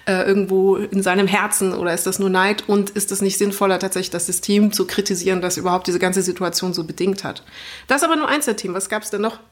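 A woman with a mid-range voice co-hosts a relaxed podcast chat. She speaks articulately with a dry, ironic edge, stopping now and then on small fillers. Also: mid-range voice, fast. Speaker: podcast co-host. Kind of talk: casual podcast conversation.

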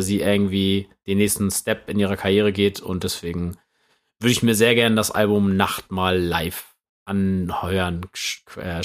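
A young man co-hosting a podcast in casual, slangy chat, full of fillers and easily fired up. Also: on the low side. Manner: slangy, excitable, with many fillers. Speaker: podcast co-host.

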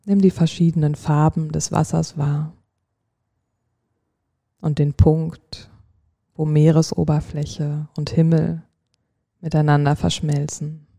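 Very mellow, slow sleep-story narrator. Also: mid-range voice, vocal fry, no room sound. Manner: calm, soothing, unhurried sleep-story delivery with long pauses. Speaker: guided relaxation narrator. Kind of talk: slow guided meditation, dream journey narration like a sleep story.

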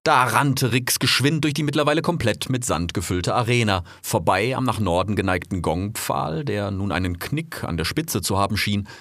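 A man narrating a storybook in long, winding descriptive sentences. His voice sits on the lower side and moves with lively melody. The sound is close and dry. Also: normal speed, hardly any pauses, no echo.

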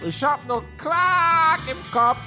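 A man's voice: very high-pitched, slow, over music. A man voicing a goofy self-declared duck man who rambles and sings nonsense rhymes in a comedy podcast bit. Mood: goofy sing-song. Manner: goofy sing-song nonsense rhyming.

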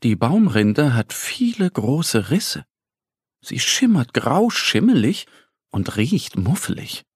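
A man narrating a children's story in a slow, expressive storytelling manner, recorded close in a studio. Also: mid-range voice, breathy edge, dry recording.

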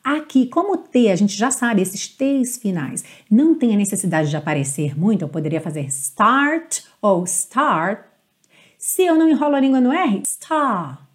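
A woman from Brazil teaching English pronunciation, explaining patiently and drawing out English lyrics slowly. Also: a little high, sing-song, warm tone. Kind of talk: pronunciation lesson.

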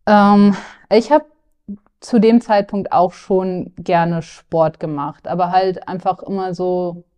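A woman's voice: on the low side, fairly even intonation, takes it slowly, a little mellow, smooth, muffled recording. A young woman from northern Germany, speaking candidly as a client in a podcast interview, with filler sounds and restarts. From Lower Saxony, Germany.

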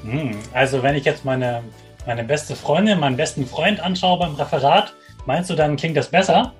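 A man's voice: on the high side, normal speed, faint music behind. A man hosting a children's podcast, friendly and restating the answers from a child's point of view. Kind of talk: interviewing for children.

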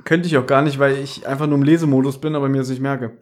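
A podcast host reading a detective gamebook aloud, breaking off for joking, chatty asides. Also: male voice, mid-range voice, steady tone, fast talker, a little mellow.

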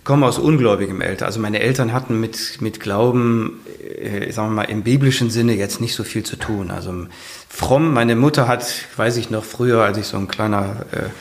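In a relaxed interview, a man in his fifties who is both a firefighter and an author recounts his story. His voice is on the low side and his pace moderate; he comes across as sincere but wandering, often restarting and filling pauses.

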